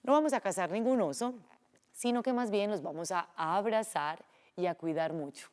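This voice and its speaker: A woman's voice: medium pitch, normal speed, darkish tone. A woman teacher telling a children's story in a playful, sing-song way, acting out the sound effects.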